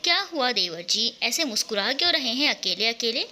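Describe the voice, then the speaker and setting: A woman's voice: fairly high pitch, sing-song, a little fast, bright, forceful tone, heavily acted. A woman voicing a young sister-in-law who teases in a playful way. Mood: teasing. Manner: playful, teasing.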